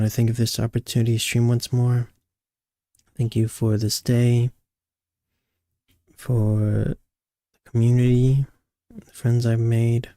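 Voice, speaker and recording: A man's voice: mid-range voice, warm tone, no room sound. A man hosting a live stream, chatting casually and greeting viewers by name, on livestream headset audio. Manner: easygoing, greets chat by name.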